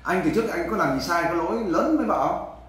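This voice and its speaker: A man interviewing a husband, pressing him with brisk, probing questions. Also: high voice, animated, a bit bright. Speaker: interviewer, volunteer helper. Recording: very echoey room.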